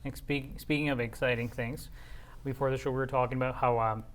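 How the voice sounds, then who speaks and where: A man's voice: medium pitch, fairly even intonation, a little fast, crowd noise. A man hosting a community TV interview, friendly and affirming, with frequent mm-hmms. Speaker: host.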